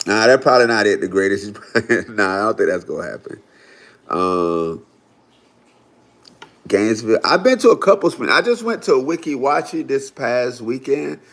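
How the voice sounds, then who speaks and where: A Florida man in his forties hosts a livestream, chatting loosely and casually with viewers and tossing in plenty of "y'all" and "right?". His medium-pitched voice is very animated and a little bright, moving at a moderate pace.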